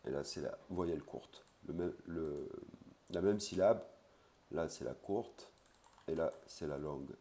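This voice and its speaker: A man teaching a language lesson in a casual way. He says each Thai word slowly and clearly, then explains it with fillers like "hein" and "voilà". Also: very deep voice, dark tone.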